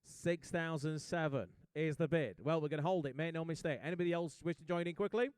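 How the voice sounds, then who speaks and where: A man calling bids as an auctioneer, his voice a touch high, smooth and resonant. He keeps up quick, jokey patter with the room. The sound is dry and close. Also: a little mellow, dry recording. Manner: brisk, jokey rapid bid calling.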